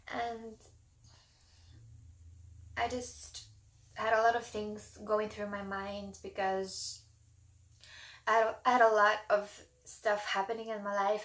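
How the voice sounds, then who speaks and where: A woman in her twenties talks casually and openly to her viewers, her speech loose and full of "like" and "you know." Her voice sits at an ordinary middle pitch. The sound carries a noticeable room echo. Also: a bit bright. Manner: frank, chatty, many "like"s and "you know"s. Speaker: vlogger. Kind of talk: casual personal talk to camera. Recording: echoey room.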